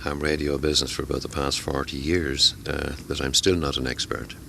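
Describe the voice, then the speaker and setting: At a convention, a middle-aged man who tutors amateur radio classes speaks in a conversational interview, hesitant and full of fillers and repeated words. His voice is extremely low, creaky, pushed and bright, with a steady tone and slightly fast pace, over slight background noise.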